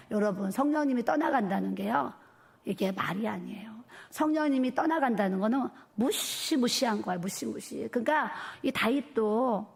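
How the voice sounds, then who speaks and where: Middle-aged woman pastor, animated and emphatic sermon delivery in a church, slightly high voice. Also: gravelly. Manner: animated, emphatic preaching with repeated fillers. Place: church sanctuary.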